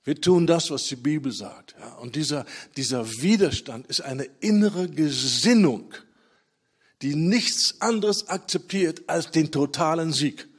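A man preaching a sermon with emphatic, measured delivery, stressing single words slowly and then hurrying through asides. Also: on the high side, expressive, breathy edge. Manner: emphatic, swings between slow stressed words and quick asides.

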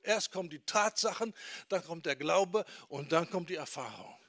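A man preaching a teaching sermon, emphatic, often checking in with listeners with a quick "Ja?". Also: fairly high pitch, animated, fairly bright tone, dry recording, studio quality. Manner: emphatic, quotes people in acted asides. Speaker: preacher on discipleship.

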